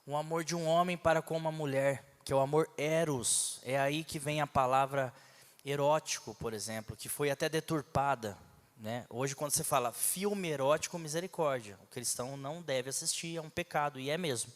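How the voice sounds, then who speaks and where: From a church pulpit, a man preaches a sermon in a conversational, teaching style, full of asides and rhetorical questions. His voice is a little high at normal speed, and the setting is a large church hall.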